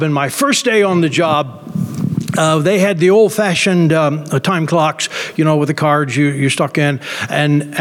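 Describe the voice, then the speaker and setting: Middle-aged pastor guy, fairly high voice, rambly emphatic storytelling, big echoey church. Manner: emphatic storyteller with many fillers and restarts. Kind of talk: sermon. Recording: long reverb.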